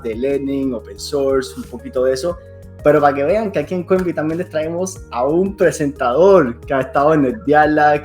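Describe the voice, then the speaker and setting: Rambling man hosting a podcast. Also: medium pitch. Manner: rambling, repeats words, mixes in English phrases. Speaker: podcast host. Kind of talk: casual interview hosting.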